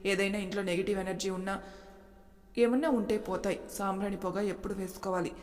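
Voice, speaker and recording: Lady doing a gentle young mom, calm soft talk, lots of reverb. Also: mid-range voice, a little fast, lightly acted. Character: patient, gentle young wife and mother. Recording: long reverb.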